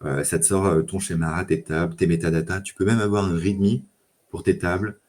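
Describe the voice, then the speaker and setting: A man speaking in casual tech chat as a data engineer guest, relaxed, with lots of fillers and restarts. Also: sits low, normal speed.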